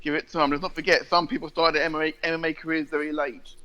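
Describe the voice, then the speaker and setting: Male co-host from the UK, 30s, high voice, teasing and jokey. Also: level tone, quick pace, pushed and bright. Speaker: podcast co-host. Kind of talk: casual chat.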